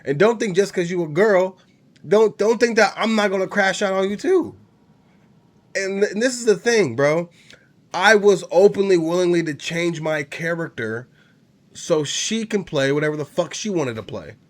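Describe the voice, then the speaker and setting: A man's voice: high-pitched, normal speed. Young man, congested from a cold, casual rant, profane, rambling, heated. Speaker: gaming channel host.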